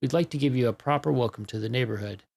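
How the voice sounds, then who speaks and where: A man's voice: mid-range voice, quick pace, vocal fry, a little mellow. A man voicing a polite, anxious husband who speaks earnestly and apologetically. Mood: earnest pleading. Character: anxious, polite husband worried for his wife.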